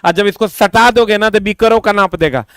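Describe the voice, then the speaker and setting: A man teaching an online exam-prep lesson, chatty and repetitive, with quick asides to his students. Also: sits high, a bit bright, clear, resonant tone, no room sound.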